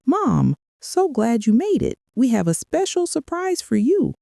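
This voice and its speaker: A woman's voice: sits high, wildly swooping pitch, unhurried, gravelly, warm tone, dry recording, clean studio sound, pitched above the performer's own voice, exaggerated voice. A woman voicing a cruel grown daughter who mocks her mother in a falsely sweet, scornful way. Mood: mocking.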